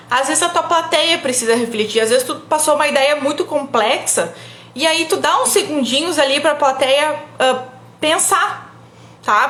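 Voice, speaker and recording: High-voiced chatty woman, echoey room. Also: a bit bright. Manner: chatty, frequent "tá?" tag questions, laughs often. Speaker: host of a career and public speaking live stream. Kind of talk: casual live stream advice.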